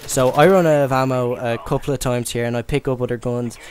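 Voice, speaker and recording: A man's voice: mid-range voice, steady tone, a little fast, slight background noise. Rambling young Irish-raised gamer man. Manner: rambling, stammering with many fillers. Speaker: gaming commentator. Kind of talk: casual gameplay commentary.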